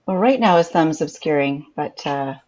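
Low-voiced woman, hesitant commentary. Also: lively intonation, normal speed, a little mellow, highs cut off. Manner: hesitant, restarts her sentences. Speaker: Scrabble co-commentator. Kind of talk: live game commentary.

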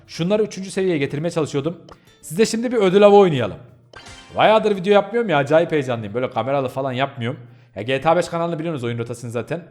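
A man talking casually over gameplay with a fairly high voice that swings widely in pitch. He chats to his viewers in an excitable way, breaking into yelps and laughs as the action picks up. Faint game music plays behind him. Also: fast talker. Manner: excitable, chatty, bursts into yelps and laughter while playing. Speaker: gaming channel host.

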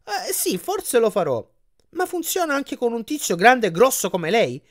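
A man voicing a quick-witted teenage boy hero in an audiobook, in a raised, eager tone. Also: extremely high pitch, huge pitch swings, voice pushed up, full character voice. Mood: flattering.

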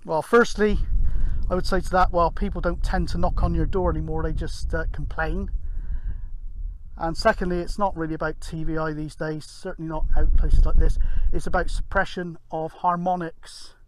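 A middle-aged British man, an amateur CB radio vlogger, narrates casually from an open moorland hilltop, rambling in a matter-of-fact way. His voice sits on the high side, steady and at normal speed, and the poor-quality handheld camera audio picks up wind and outdoor ambience.

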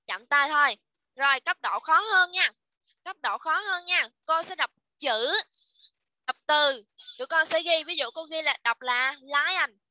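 A woman teaching an online English class to children, repeating each letter and word slowly and praising her pupils. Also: high-pitched, bright, forceful tone, dry recording, rough recording. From Vietnam.

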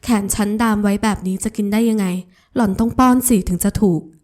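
A woman voicing a proud, possessive woman mafia boss in an audio novel, speaking in a slow, commanding way. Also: mid-range voice, fairly even intonation, a little mellow, natural voice. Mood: haughty. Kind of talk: audiobook character voice.

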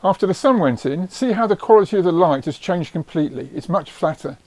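A man giving scripted nature documentary narration in a measured, descriptive storytelling way. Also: high-pitched, animated, background noise. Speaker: narrator of own wildlife travel film.

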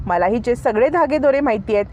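A woman voicing a sharp-tongued young wife who taunts and scolds her sister-in-law, in a retold TV serial story. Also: fairly high pitch, animated, fast, slight background noise, lightly acted. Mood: taunting.

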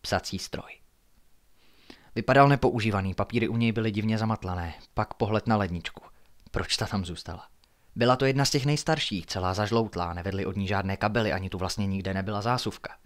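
Speaking in a fairly low voice, a man narrates a horror story he wrote himself, keeping it hushed and suspenseful and occasionally sinking almost to a whisper.

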